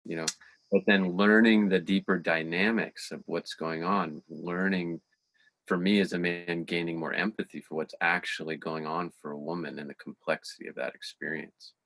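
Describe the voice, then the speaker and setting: Male host, very low voice, reflective, pauses to find words. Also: fairly even intonation, fairly bright tone, dry recording. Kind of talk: conversational interview.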